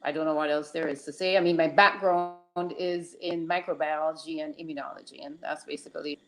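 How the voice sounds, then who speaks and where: A woman's voice: deep voice, fairly even intonation, brisk. A woman surgeon calling in over a crackly, static-filled phone line, answering hesitantly with many ums and restarts. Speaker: guest general surgeon. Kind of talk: call-in interview answers.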